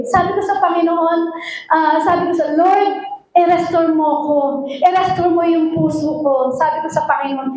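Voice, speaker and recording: A woman's voice: extremely high pitch, darkish tone. A woman pastor giving an emotional, sing-song sermon with repeated appeals to the congregation. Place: church hall. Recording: very echoey church hall, mic far off.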